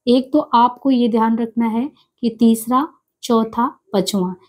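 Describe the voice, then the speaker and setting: A woman teaching an exam-prep grammar lesson, explaining step by step and repeating each sound and letter slowly. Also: a little high, fairly even intonation, a little mellow.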